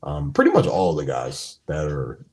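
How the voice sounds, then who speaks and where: A man co-hosting a sports podcast, talking casually in a rambling, animated way with lots of fillers. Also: rumbling low, normal speed, creaky. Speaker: podcast co-host.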